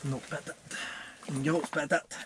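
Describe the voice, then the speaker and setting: A young man with a Quebec French accent chatting casually and swearing excitedly while ice fishing. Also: on the high side, measured pace. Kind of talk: casual chat. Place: outdoors on a frozen lake, later inside an ice fishing tent. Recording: noisy outdoor camera audio.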